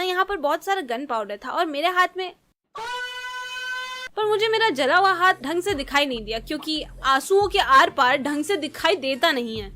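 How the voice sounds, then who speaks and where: High-voiced sarcastic woman storyteller. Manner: sarcastic, self-mocking, expressive. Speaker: animated storyteller. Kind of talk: comedic storytelling narration.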